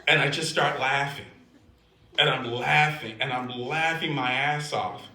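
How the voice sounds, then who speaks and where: Older man, stand-up storyteller, bright forceful voice, echoey room. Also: unhurried. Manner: animated, swings from loud laughing bits to low somber asides. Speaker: stand-up comedian. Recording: echoey room with faint noise.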